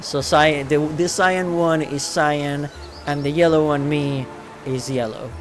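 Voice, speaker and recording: A man's voice: on the high side, fairly even intonation, measured pace. A man streaming a game, chatting casually in a hesitant way with frequent stammers. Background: game music.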